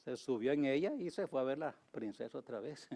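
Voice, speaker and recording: A male pastor preaching a sermon. He speaks emphatically, repeats key phrases and tells anecdotes, moving from loud, high exhortation to low, quiet asides. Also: expressive, brisk. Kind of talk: Spanish-language sermon.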